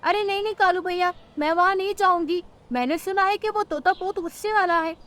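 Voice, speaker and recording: A woman's voice: extremely high pitch, a little fast, a bit bright. A woman voicing a small, honest female sparrow in a cartoon story, who speaks in a polite, pleading way.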